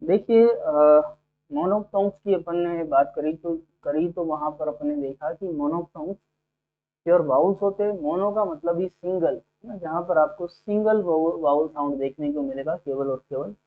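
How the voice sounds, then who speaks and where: A man's voice: a little high, moderate pace, clear, resonant tone. A male teacher giving a phonetics lesson to exam students, explaining step by step and checking in with frequent "okay?" tags. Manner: explains step by step, often asks 'ठीक है' and 'है ना'. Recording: tinny phone-like sound.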